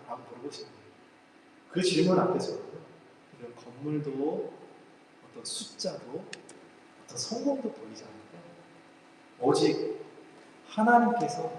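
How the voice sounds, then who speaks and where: A man preaching a sermon in a church sanctuary, earnest and reflective, letting phrases fall soft and slowing down for emphasis. His voice sits a little high for a man and rings out in a big, echoing hall. He sounds a bit far from the mic, with faint room noise underneath. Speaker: pastor. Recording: roomy hall echo, mic at a distance.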